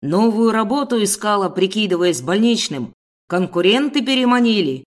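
A woman voicing a furious, bullying middle-aged male boss who shouts and hurls crude insults. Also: mid-range voice, lively intonation, normal speed, close to an everyday voice. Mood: raging. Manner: shouting, snarling, hurling insults.

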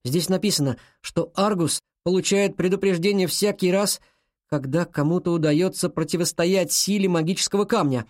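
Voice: mid-range voice, normal speed, lightly acted. A storybook narrator voicing a curious, eager boy. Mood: anxious. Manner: eager, shouting back.

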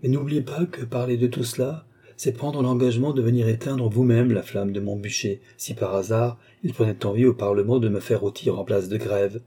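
A man voicing a suave, mysterious count who speaks with smooth, polite assurance in an audiobook. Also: medium pitch, steady tone, normal speed, few pauses, warm tone. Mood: assured.

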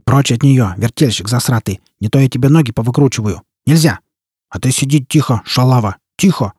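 A man voicing a gruff, angry male bounty hunter who barks threats. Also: mid-range voice, normal speed, mellow, dry recording, clean studio sound, close to an everyday voice. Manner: barking, threatening.

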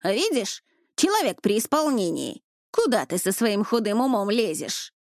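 A woman voicing a quarrelsome village woman of about forty who scolds loudly in a ringing voice. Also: mid-range voice, very animated, normal speed, dry recording, clean studio sound. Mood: scolding. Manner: loud, scolding, ringing chatter.

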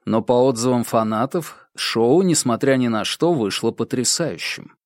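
A man reading an audiobook chapter in a measured, even storytelling manner. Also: medium pitch, no echo, clean studio sound. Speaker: audiobook narrator. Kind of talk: scripted audiobook narration.

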